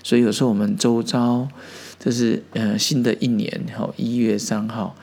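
A man hosting a podcast, calmly explaining old Zen stories and briefly acting out the quoted exchanges. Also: mid-range voice, vocal fry, breathy edge. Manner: unhurried, acts out quoted exchanges in small voices. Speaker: podcast host.

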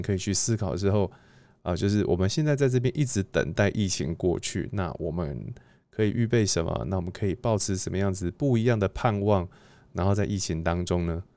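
A man gives a devotional talk on a psalm. He speaks haltingly, with frequent filler pauses. The sound is dry and close to the mic. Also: sits low, a little mellow, no room sound. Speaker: preacher. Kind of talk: devotional Bible reading talk.

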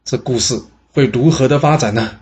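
Guy telling an old history story, lively and exclamatory, lots of drawn-out "ah"s. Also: mid-range voice. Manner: exclamatory, many drawn-out particles.

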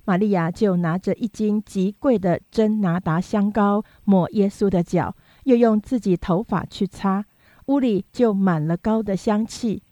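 A woman reading scripture aloud in a steady, measured way. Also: mid-range voice, no echo. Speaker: Bible reader.

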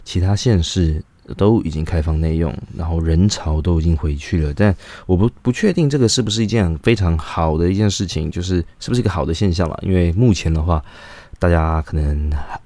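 A man's voice: deep voice, brisk, a little mellow, no room sound. A young man tells a rambling personal story in a casual vlog, full of fillers and restarts.

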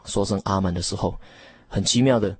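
A young man, a theology student, telling his testimony emphatically in a radio interview, with many drawn-out fillers. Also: lowish voice, slightly rough, dry recording. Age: young adult.

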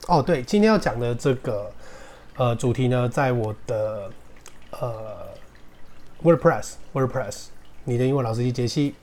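A man hosting a casual podcast English lesson, chatting loosely and spelling words out slowly letter by letter. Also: medium pitch, a little mellow. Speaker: English teacher podcast host.

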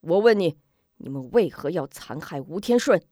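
A woman's voice: lowish voice, lively intonation, normal speed, warm tone, no echo, clean studio sound, close to an everyday voice. A woman voicing a fierce old beggar woman, a martial heroine who questions sternly and commands. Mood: stern, angry.

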